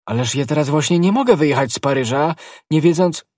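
A man voicing an anxious young musketeer who is a secretive lover, agitated and full of questions, in a husky voice. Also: mid-range voice, animated, normal speed, dry recording, studio quality.

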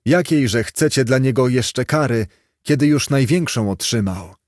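A man voicing a noble, wounded young knight who speaks with calm dignity in a storybook reading. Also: medium pitch, unhurried, dry recording, clean studio sound. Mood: dignified.

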